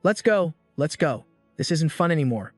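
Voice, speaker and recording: A man's voice: a little high, big pitch swings, moderate pace, no echo, faint music behind. A man doing a sneering school bully. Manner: sneering, contemptuous. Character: arrogant young male school bully.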